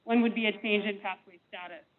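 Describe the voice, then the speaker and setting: A woman's voice: mid-range voice, fairly even intonation. A woman staff presenter explaining a plan to a meeting, speaking through a face mask, her voice cutting in and out. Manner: measured, explanatory, frequent ums. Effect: voice cutting in and out over a thin remote line. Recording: tinny phone-like line, breaking up.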